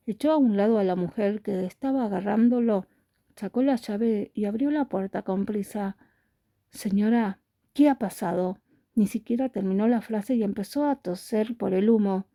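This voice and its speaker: Woman narrating a novel in a dark voice. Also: mid-range voice, moderate pace, no room sound. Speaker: storyteller.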